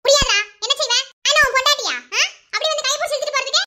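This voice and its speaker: A woman voicing a bold, sharp-tongued young village woman in an animated cartoon, scolding in a Madurai Tamil accent. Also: very high-pitched, heavy background noise. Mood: mocking. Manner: scolding, fast, defiant.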